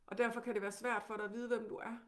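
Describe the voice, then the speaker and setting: Woman, Danish accent, fairly high voice, calm, gently guiding, asks many questions. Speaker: teacher. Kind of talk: teaching.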